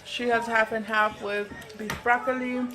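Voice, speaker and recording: A woman's voice: a little high, level tone, normal speed, music in the background, rough recording. Casual female vlogger, chatting to viewers while eating a meal. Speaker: vlogger and mother.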